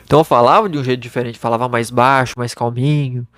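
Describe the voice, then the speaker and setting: A man's voice: mid-range voice, fairly even intonation, quick pace, a bit bright, no room sound, clean studio sound. A young man hosting a podcast from his bedroom, giving blunt, casual advice into a microphone and swearing freely. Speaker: podcast host.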